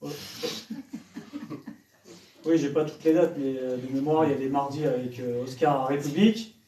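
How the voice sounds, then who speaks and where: A medium-pitched, dark male voice holds a steady tone at normal speed as this evangelist preacher challenges young people with pointed questions. It was captured from a distance in a reverberant church hall.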